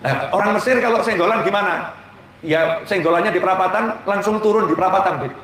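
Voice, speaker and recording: A man's voice: high voice, fairly quick, slight background noise. A man giving a humorous religious sermon, telling stories with folksy asides. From Indonesia. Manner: humorous, lively storytelling with Javanese asides. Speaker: preacher. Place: large hall at a religious gathering. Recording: echoey, distant mic with faint background ambience.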